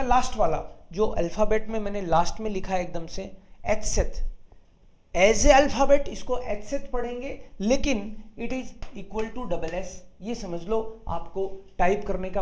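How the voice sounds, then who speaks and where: A teacher speaks slowly and patiently, spelling out sounds and saying each one again. The voice sits at a middle pitch. The room around it is noticeably echoey. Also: a little mellow. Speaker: German teacher. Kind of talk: online beginner language class.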